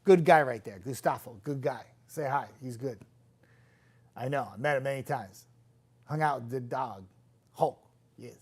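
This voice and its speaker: A man's voice: mid-range voice, moderate pace, long pauses, darkish tone, slightly rough. A young man who works as a TV meteorologist, chatting casually on a live stream, self-deprecating and laughing often. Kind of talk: casual live stream chat reading viewer comments.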